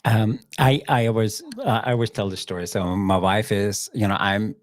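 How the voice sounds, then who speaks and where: Host: man, lowish voice, dry close sound, rambling friendly questions. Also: steady tone, moderate pace, dry recording. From Austria. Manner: rambling questions with restarts and repeated words. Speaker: podcast host. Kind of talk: casual interview.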